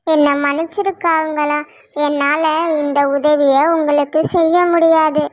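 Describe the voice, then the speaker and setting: A woman's voice: high voice, little pitch movement, measured pace, dry recording. A woman voicing a worried mother cloud in a cartoon, asking for her lost child in an anxious, imploring way.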